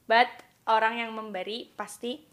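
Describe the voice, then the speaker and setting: A young woman in her twenties talks with a bright, fairly high voice, chatty and unhurried as she co-hosts a casual conversation. She mixes in English phrases as she goes, thinking out loud with little restarts. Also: flat delivery. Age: 20s. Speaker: podcast co-host. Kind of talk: casual chat.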